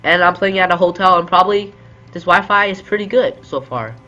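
A man's voice: high voice, fairly quick, sharp tone, highs cut off. A young man with a sore throat giving casual commentary as he plays a video game.

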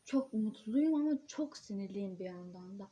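Teen girl vlogger, ranting and complaining, soft mellow tone. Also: medium pitch, expressive, moderate pace. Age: teens. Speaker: vlogger, student. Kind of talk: casual vlog chat.

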